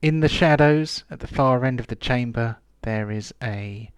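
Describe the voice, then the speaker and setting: Halting male game master. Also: medium pitch, smooth, no echo. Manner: halting, many fillers. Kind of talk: narrating a tabletop game.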